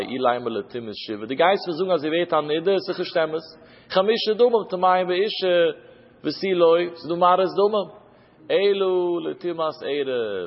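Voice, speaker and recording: Man chanting a Talmud lesson, reverberant lo-fi. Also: fairly high pitch. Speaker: Talmud teacher. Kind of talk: traditional Talmud study lesson. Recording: dull lo-fi with long reverb.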